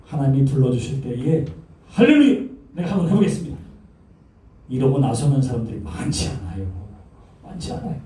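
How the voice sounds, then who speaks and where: A man's voice: mid-range voice, expressive, brisk, mellow. A man pastor preaching a Sunday sermon, dramatically acting out the pleas and commands he quotes. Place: church sanctuary. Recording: echoey church hall, voice from far off.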